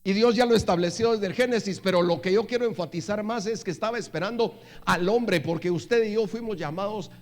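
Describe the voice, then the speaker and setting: A man preaching a sermon in church, speaking conversationally, asking the congregation questions and reading scripture slowly and forcefully. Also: high-pitched. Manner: reads scripture slowly and loudly. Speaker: pastor. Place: church hall. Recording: long hall reverb. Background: faint guitar music.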